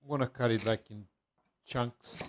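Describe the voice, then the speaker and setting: Man, mid-pitched, casual home-cook demo, halting with fillers. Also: a little hiss or hum. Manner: relaxed, halting, with many fillers. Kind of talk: casual cooking demonstration.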